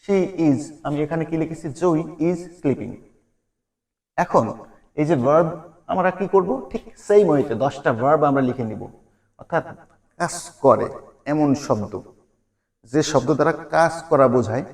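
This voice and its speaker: A man teaching a spoken English lesson, patiently repeating example sentences slowly. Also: a little high, a little mellow.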